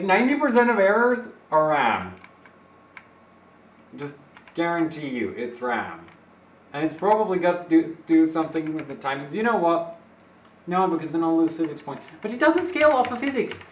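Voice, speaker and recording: Speaking fairly quickly in a high, animated voice, a non-native English speaker rambles and jokes on his live stream, often talking to himself. He is recorded from a distance in an echoey room, with slight background noise and a dull, lo-fi sound.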